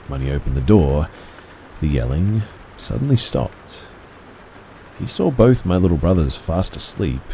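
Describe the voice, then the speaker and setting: Deep male horror narrator, measured and hushed delivery. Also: a little hiss or hum, poor audio.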